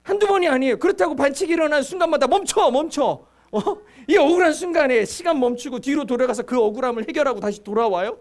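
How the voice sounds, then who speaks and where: A middle-aged man preaching a sermon as pastor, telling stories in a lively, conversational way with emphatic repetition. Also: very high voice, rapid-fire, hardly any pauses. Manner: lively storytelling, acting out quotes.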